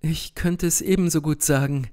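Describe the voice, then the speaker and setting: A man's voice: fairly high pitch, moderate pace, darkish tone, close to an everyday voice. A man voicing a passionate young noblewoman, fiery and grieving, in an audiobook reading with impassioned outbursts. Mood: sorrowful.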